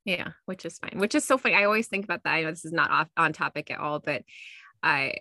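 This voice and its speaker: A woman's voice: low voice, fast, sharp tone, no room sound, clean studio sound. A woman co-hosting a podcast in casual, chatty, self-deprecating talk, recorded in a closet on her own podcasting mic. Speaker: podcast co-host. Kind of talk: casual chat. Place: small closet at home.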